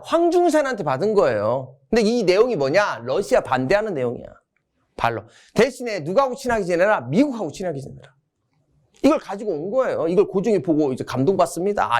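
A man's voice: high-pitched, very animated, a little fast. A man giving a casual exam-prep history lecture, telling it as a story. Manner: casual, storytelling, acts out quotes.

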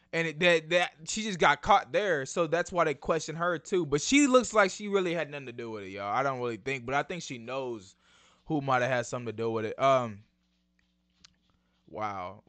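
A young man hosting his own video channel, breaking down a TV trailer in casual slangy chat and often calling out to his viewers. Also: on the high side. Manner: excitable, slangy, addresses viewers as y'all. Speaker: YouTube channel host.

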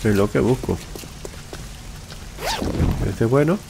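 Guy gaming and muttering to himself, casual, creaky voice, noisy game sound behind. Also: medium pitch, slow. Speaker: gamer, let's play host. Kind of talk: casual gameplay commentary.

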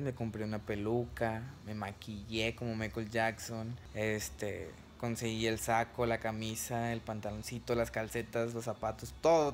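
A young man with a Mexican accent, a vlogger telling funny, self-mocking stories from his childhood to camera. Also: medium pitch. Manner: animated, comic, self-mocking storyteller. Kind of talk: casual storytelling to camera.

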